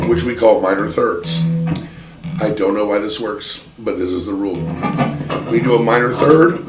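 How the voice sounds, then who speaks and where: A man teaching a guitar lesson in a chatty, self-deprecating way, pausing to play examples. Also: on the low side. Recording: roomy sound with loud guitar playing. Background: electric guitar playing.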